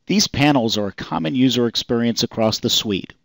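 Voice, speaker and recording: A man calmly reading a scripted software demonstration voice-over in an even, explanatory way. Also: mid-range voice, brisk, gravelly, dry recording. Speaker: software demo narrator. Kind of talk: scripted product demo narration.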